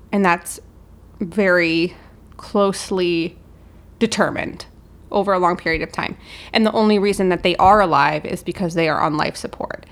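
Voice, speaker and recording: A woman co-hosting a podcast, explaining things in an informal, conversational way. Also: on the low side. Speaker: podcast co-host. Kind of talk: casual explanatory chat.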